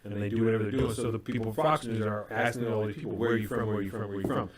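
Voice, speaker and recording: A man rattles off his words at a quick clip in loose podcast talk, swearing and sounding incredulous. Clear crowd noise runs behind him. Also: lowish voice, fairly even intonation. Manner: fast, incredulous, profane. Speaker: podcast co-host. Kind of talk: casual podcast chat.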